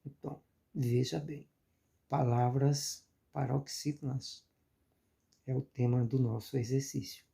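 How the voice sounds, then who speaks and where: A male teacher with a heavy, gravelly rasp and a very dark tone. He talks slowly and patiently, repeating examples and asking rhetorical questions the way he would in a classroom explanation. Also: medium pitch, steady tone.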